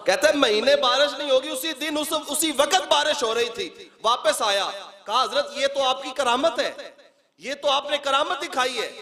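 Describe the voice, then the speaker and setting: A man preaching and telling stories in an animated way, acting out the dialogue. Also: sits high. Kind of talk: Urdu religious speech. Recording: echoey hall with long reverb.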